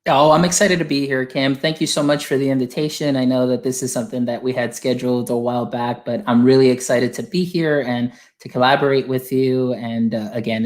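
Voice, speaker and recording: Friendly man explaining a software demo. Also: medium pitch. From Texas. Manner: friendly, explanatory, filler-heavy. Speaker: guest, instructional software specialist.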